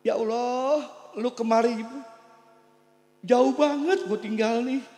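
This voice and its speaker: A man's voice: very high voice, steady tone, slow pace, warm tone, voice pushed up, full character voice. A man with a Betawi accent voicing a poor, elderly aunt who weeps with joy when her nephew visits. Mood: tearful. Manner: tearful, fond exclamations. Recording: echoey, reverberant sound system.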